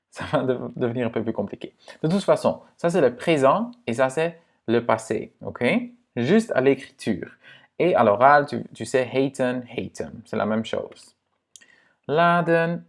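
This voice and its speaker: Male language teacher, slow gravelly delivery, casual and chatty, lots of check-ins with the viewer. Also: mid-range voice. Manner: relaxed, filler-heavy explaining to the viewer, with frequent "hein" and "ok". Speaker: Dutch pronunciation teacher. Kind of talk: casual explanatory lesson.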